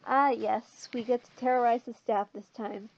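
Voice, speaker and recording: A woman voicing a nervous male manager who talks in a shaky, hurried, apologetic way. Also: a little high, steady tone, close to an everyday voice. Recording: dull lo-fi sound.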